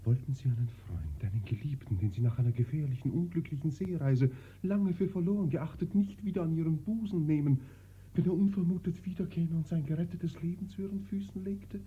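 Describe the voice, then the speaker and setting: A man's voice: a little high, brisk, a little hiss or hum, lightly acted. An actor playing an impassioned young nobleman begging forgiveness, fervent and sinking into pleading whispers, in 1940s radio acting on a dull, lo-fi old radio recording.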